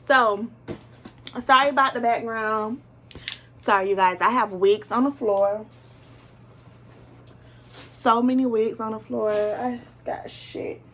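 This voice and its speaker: A woman's voice: on the high side, takes it slowly, long pauses, fairly bright tone, a little hiss or hum. Chatty young Southern woman vlogging. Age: 20s. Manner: chatty, scattered, talks straight to viewers. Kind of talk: casual chat to camera. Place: bedroom floor at home.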